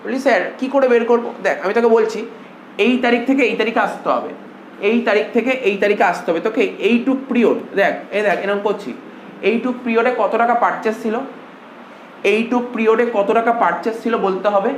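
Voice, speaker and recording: ক্লাসে হিসাবশাস্ত্র পড়াচ্ছেন এক পুরুষ শিক্ষক, বারবার একই কথা বলে ছাত্রদের প্রশ্ন করে বোঝান, কথায় বাংলা টান।. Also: male voice, high voice, fairly quick. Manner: coaxing, repetitive, asks students questions. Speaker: accounting tutor. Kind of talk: classroom lecture. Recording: echoey room, faint hum.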